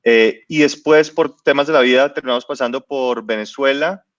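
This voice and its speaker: A business guest in his late thirties, born in Spain and raised in Ecuador and Colombia, tells his life story in a casual interview, hesitating and restarting often. His medium-pitched voice moves at a normal speed on a lo-fi recording with no echo.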